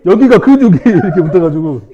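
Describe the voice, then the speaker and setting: A male teacher telling a class a story, acting out shouts and screams and laughing as he goes. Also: sits high, expressive, fast, highs cut off, crowd noise. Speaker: math teacher.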